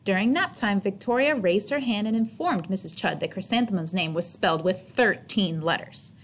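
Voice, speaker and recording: A woman narrating a children's storybook expressively and deliberately, stretching words for emphasis like a teacher reading aloud. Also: medium pitch, lively intonation, a little hiss or hum.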